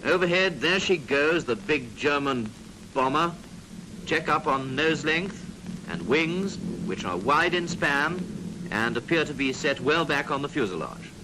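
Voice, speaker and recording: In a clipped, instructive style sprinkled with dry jokes, a British man narrates a 1940s military training film. His voice sits fairly high and is expressive and unhurried. The audio is a noisy 1940s film soundtrack.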